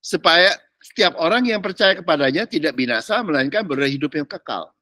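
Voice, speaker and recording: A man preaching, teasing and animated in slangy street talk, mimicking people as he goes. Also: a little high, fairly quick, no echo, clean studio sound. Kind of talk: sermon.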